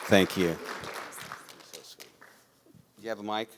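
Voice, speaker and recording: A man hosting an event, casually introducing a guest speaker to the audience with warm praise. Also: lowish voice, steady tone, slow pace, some chatter behind, slight background noise. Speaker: event host.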